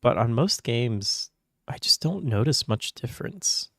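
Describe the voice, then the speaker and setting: Slow-talking man rambling on a livestream. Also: medium pitch, sing-song, no echo. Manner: rambling, confused, often laughs and clears his throat. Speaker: livestream gamer. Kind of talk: casual livestream chat. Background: soft background music.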